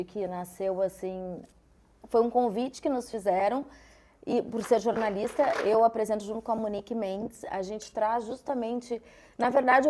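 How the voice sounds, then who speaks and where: Mellow-voiced woman journalist guest. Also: mid-range voice. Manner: earnest, reflective, explanatory. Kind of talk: casual podcast chat.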